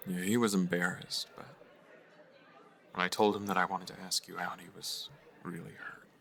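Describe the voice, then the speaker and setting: A guilty young man in an audio drama; low, bright voice, soft and halting, drops to near-whispers. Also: flat delivery, creaky. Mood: wistful. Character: guilt-ridden young man, former friend. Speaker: [name].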